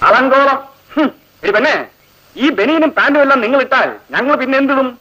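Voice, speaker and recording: A man's voice: very high voice, brisk, pushed and bright, muffled recording, exaggerated voice. An actor playing a mocking male college senior who bosses newcomers around with theatrical taunts, in 1980s film dialogue. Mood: taunting.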